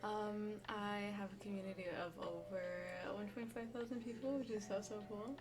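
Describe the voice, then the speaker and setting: A woman's voice: medium pitch, steady tone, moderate pace. A young woman from Los Angeles with a lisp from new braces, chatting in a rambling, gushing way as a game streamer answering questions in a casual vlog. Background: background music.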